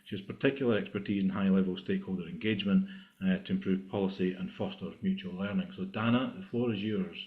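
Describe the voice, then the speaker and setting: A man chairing an online meeting, introducing speakers formally with many halting "uh" fillers. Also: sits low, fairly even intonation. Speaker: session chair. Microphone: video call. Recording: tinny video-call audio.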